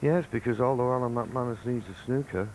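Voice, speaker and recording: A man giving live snooker commentary in a measured, understated way, with pauses between short remarks. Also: medium pitch, darkish tone, a little hiss or hum, rough recording.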